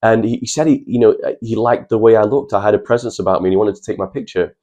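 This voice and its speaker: A man voicing his excited young girlfriend, in a raised, bubbly tone. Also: lowish voice, fast talker, dull audio, voice pushed up, close to an everyday voice.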